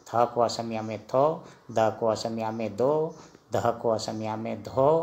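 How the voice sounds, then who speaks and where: A man gives an alphabet lesson at a very slow, measured pace. His pitch sits in an ordinary middle range. He says each letter, asks for it back, and repeats it patiently. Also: darkish tone. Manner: slow and deliberate, repeats each sound and drills it with questions. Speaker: language teacher.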